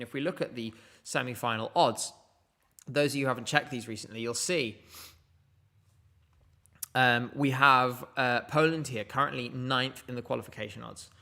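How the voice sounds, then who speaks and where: A man's voice: medium pitch, bright, forceful tone. A man hosting a casual live stream from home, chatting, laughing often and reading out viewer messages. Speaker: livestream host.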